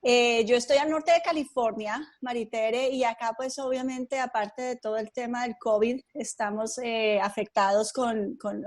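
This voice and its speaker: A woman from Colombia, a podcast guest, telling her story in an unhurried, thoughtful way with frequent fillers. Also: on the high side. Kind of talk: conversational interview.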